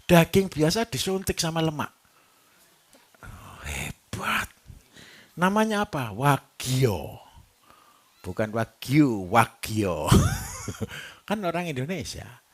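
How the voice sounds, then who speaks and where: Lively Javanese man teaching farmers. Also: mid-range voice. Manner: lively, joking, quizzes the audience. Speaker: livestock trainer. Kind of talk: live workshop lecture to farmers.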